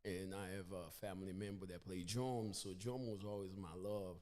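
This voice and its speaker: Upbeat man from Haiti, lowish voice. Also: fairly even intonation, moderate pace, darkish tone. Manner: upbeat, laughing, restarts words. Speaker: radio show guest, musician. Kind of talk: casual radio interview.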